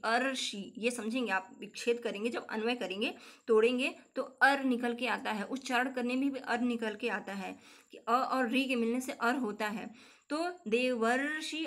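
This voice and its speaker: A woman's voice: a little high, a bit bright. A young woman teaching a grammar lesson for exam preparation, repeating the key points and calling her viewers friends.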